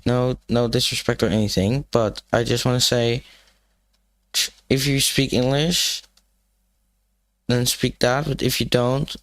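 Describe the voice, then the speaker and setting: A man chatting casually as a livestream host, rambling with many fillers and restarts, his voice rough with morning sleep, alone in a room. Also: mid-range voice, no echo, studio quality. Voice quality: gravelly morning voice. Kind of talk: casual live-stream chat.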